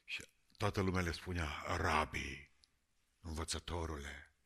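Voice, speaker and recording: A man with a deep but bright, cutting voice preaches a sermon to a congregation. He jokes and teases, rising to loud calls and dropping to quiet, earnest words. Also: slightly rough. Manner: lively, jokey, swings between shouting and quiet.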